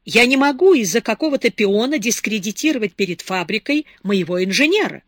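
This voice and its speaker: A woman reading an audiobook, voicing a gruff, irritable factory boss who grumbles in exasperation. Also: a little high, animated, fairly quick, dry recording, clean studio sound, pitched above the performer's own voice. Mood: irritated.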